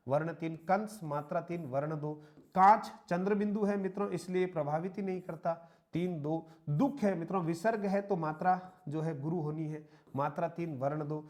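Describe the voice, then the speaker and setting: Speaking in a somewhat high, darkish voice, an Indian man teaches Hindi in an online exam-prep class. He treats his listeners as friends and counts syllables out loud while walking through slides step by step with patience.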